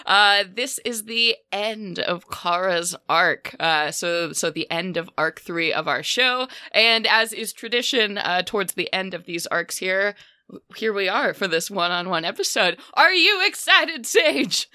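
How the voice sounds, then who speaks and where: A woman hosting as dungeon master in casual, rambling, excitable and giggly podcast chat. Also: medium pitch, measured pace, dry recording, clean studio sound.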